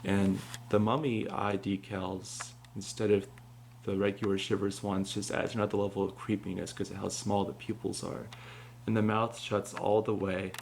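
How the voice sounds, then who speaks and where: A low-voiced man talks casually through a product comparison over a faint hum. His delivery is understated and very even, with a creaky edge. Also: moderate pace. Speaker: prop collector presenting his animatronics.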